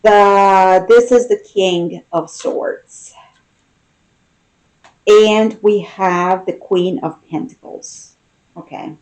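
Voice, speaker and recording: A woman giving an unscripted, intimate tarot reading, pausing and thinking aloud as she talks to the listener. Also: mid-range voice, fairly even intonation, a little mellow, low-quality recording. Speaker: tarot reader.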